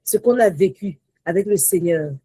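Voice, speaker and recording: A woman teaching a sermon with great animation, slipping English phrases into her French and swinging from shouts to soft whispers. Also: on the low side, moderate pace, slightly rough, dry recording, rough recording. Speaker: prayer teacher.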